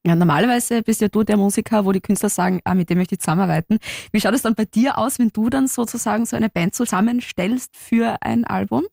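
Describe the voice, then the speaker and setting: Eine Radiomoderatorin mit österreichischem Akzent, die im Studio gut gelaunt und locker plaudernd ein Interview führt. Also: female voice, medium pitch, fast, creaky, a little mellow, no room sound. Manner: upbeat, chatty. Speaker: radio host.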